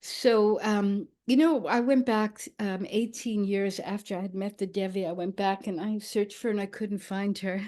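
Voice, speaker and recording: An older woman storyteller speaking slowly and reflectively, with frequent pauses and soft fillers. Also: medium pitch, fairly even intonation. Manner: slow, thoughtful, with many pauses and fillers.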